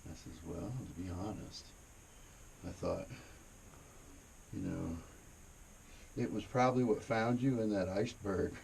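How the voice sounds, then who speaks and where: In a cave mid-tour, a man spins profane, wandering tales at a measured pace, his low voice steady and creaky. The laid-back delivery sits under noisy cave ambience.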